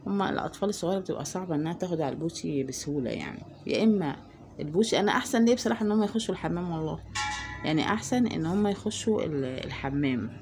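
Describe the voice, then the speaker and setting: A woman's voice: fairly low pitch, lively intonation, racing, darkish tone, a little hiss or hum. A woman with an Egyptian accent chatting casually to her viewers at home about her cats, rambling with lots of fillers. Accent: Egyptian Arabic. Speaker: cat vlogger.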